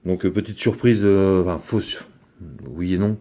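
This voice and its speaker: Man, deep dark voice, casual unboxing chat, rambling, lots of fillers. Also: steady tone, unhurried. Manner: rambling, chatty, many fillers. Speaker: card collector opening a box.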